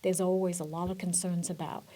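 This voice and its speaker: A woman's voice: fairly low pitch, level tone, brisk, mellow. A middle-aged woman from Vietnam, a guest in a business interview, speaking thoughtfully with frequent fillers and restarts. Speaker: guest, benefits director. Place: corporate office.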